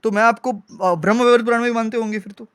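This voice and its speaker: High-voiced man insisting on being heard. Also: fairly even intonation, quick pace, a bit bright, clear, resonant tone. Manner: insistent, keeps demanding to be heard. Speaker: debate host. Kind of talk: heated religious debate.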